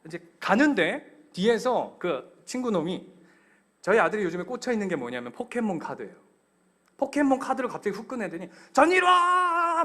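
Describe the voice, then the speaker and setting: A male pastor preaching a sermon, telling a personal story with animated delivery and asking his congregation questions. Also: high-pitched.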